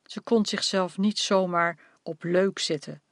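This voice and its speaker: An audiobook narrator reading a novel in a measured storytelling manner. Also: mid-range voice, fairly even intonation, fairly bright tone, dry recording. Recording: dry close studio sound.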